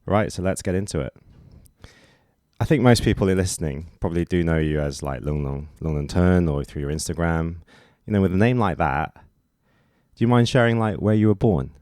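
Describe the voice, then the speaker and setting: Male podcast host; very low voice, relaxed interviewer, dry close mic. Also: fairly quick, dry recording. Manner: relaxed, friendly, asks short probing questions. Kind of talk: casual interview.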